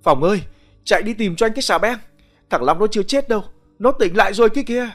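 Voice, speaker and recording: A man voicing an overjoyed father who shouts excitedly and fast. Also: sits high, faint music behind, voice pushed up. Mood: elated.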